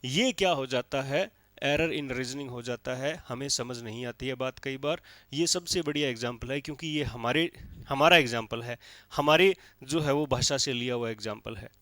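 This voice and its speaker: A man's voice: mid-range voice, moderate pace, bright, forceful tone, dry recording. A male teacher giving a classroom lecture in speech, explaining step by step and checking in often with his listeners. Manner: explains step by step with frequent checks like "theek hai".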